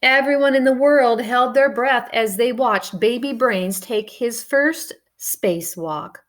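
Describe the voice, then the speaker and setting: A woman reading a children's picture book aloud, expressive and adding playful spoken asides. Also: on the high side, unhurried. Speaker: storybook reader.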